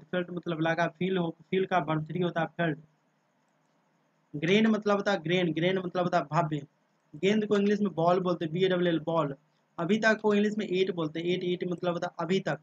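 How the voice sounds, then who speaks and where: A man teaching English vocabulary in a casual spoken lesson, spelling each word out letter by letter and often checking in with his listeners. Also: high voice. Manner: drills words by spelling them out letter by letter. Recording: dull, dry lo-fi sound.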